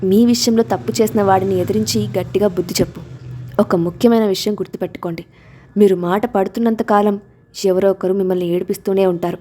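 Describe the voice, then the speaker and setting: A woman's voice: medium pitch, fairly even intonation, fast talker, warm tone, lightly acted. A woman voicing a commanding, protective father who speaks in stern warnings in a storybook reading.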